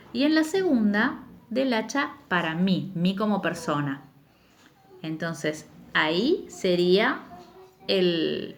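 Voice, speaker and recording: A young woman teacher, explaining a grammar worksheet to children and slowly drawing out each example word. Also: medium pitch. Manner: slow, emphatic spelling-out of words for children. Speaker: primary school teacher. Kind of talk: recorded remote lesson, explaining exercises.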